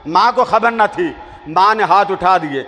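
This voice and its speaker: A man delivers a sermon, telling the story straight to a seated crowd. His voice sits high. A long reverb trails after his words in a big hall. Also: expressive, bright, forceful tone. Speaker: preacher. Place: large hall with a seated audience.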